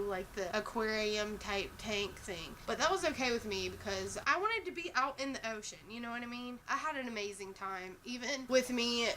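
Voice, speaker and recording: A woman's voice: on the high side, pushed and bright, a little hiss or hum, poor audio. A woman in her twenties telling personal stories in a casual vlog, rambling and emotional, with lots of "like" and "you know". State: tearful at times. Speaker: vlogger.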